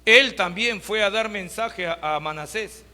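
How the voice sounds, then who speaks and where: A man preaches a sermon in a high, bright voice, throwing rhetorical questions at his congregation. His voice rings through a reverberant hall with a long tail of echo. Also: unhurried. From Peru. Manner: rhetorical questions, addresses listeners as brothers. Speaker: pastor.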